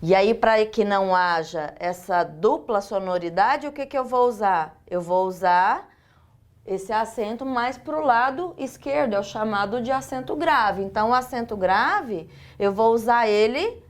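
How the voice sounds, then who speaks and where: A woman with a Brazilian accent teaches a recorded online lesson, explaining things step by step and posing questions she then answers herself. Her voice is a little high and her pace unhurried.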